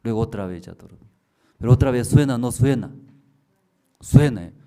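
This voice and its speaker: A man's voice: medium pitch, expressive, moderate pace, warm tone, smooth. A man preaching a sermon in Spanish, telling a story and putting questions to the congregation. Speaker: pastor.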